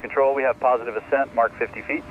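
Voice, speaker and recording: A man's voice: mid-range voice, fairly even intonation, fast, phone-quality sound, over music, natural voice. A man playing a businesslike shipyard crewman, giving clipped, procedural radio callouts. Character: businesslike male shipyard crewman calling out work orders. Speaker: work crew member on radio. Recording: noisy radio-style audio with machinery noise.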